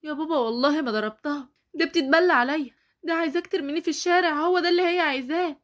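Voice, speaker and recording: A woman's voice: sits high, fast talker, voice pushed up, close to an everyday voice. Woman voicing a pleading young Egyptian girl. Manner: pleading, raised and strained.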